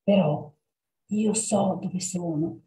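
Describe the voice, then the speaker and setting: A woman's voice: mid-range voice, lively intonation, measured pace, roomy sound, close to an everyday voice, poor audio. A woman doing a sly, secretive talking cat. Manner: teasing, hushed.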